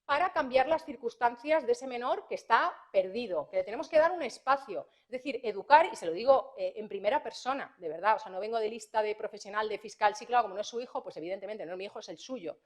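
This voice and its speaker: Animated woman prosecutor. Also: fairly high pitch, fast, few pauses. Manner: lively, anecdotal, acts out dialogues with parents and teens. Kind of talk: conference talk to parents.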